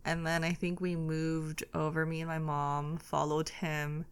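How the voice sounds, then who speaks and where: A young woman from the Philippines who grew up in California, a nervous guest telling her story with many pauses and fillers. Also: deep voice, monotone, smooth. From Philippines, raised in California. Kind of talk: casual chat.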